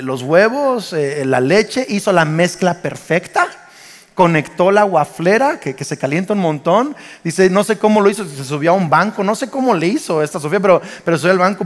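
Animated Mexican preacher, high voice. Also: male voice. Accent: Mexican Spanish. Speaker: pastor. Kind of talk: sermon. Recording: long reverb of a church hall.

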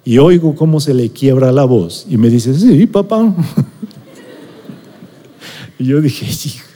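A middle-aged pastor with a Mexican accent preaches a sermon framed as a conversational personal story, checking in with his listeners along the way. His medium-pitched voice has a dark tone, he takes it slowly, and the sound is that of a big room.

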